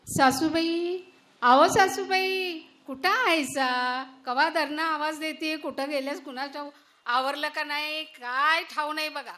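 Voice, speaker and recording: A woman playing a sharp-tongued young village daughter-in-law in a solo stage monologue. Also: sits high, steady tone, normal speed.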